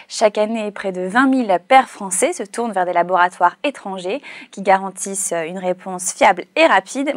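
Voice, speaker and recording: A woman's voice: medium pitch, no room sound, studio quality. Woman reporter reading a news item.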